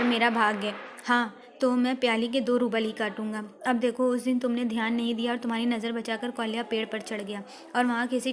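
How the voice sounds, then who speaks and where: A woman's voice: fairly high pitch, natural voice. A woman reading as a stern, lecturing male householder. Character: stern scolding middle-aged male householder.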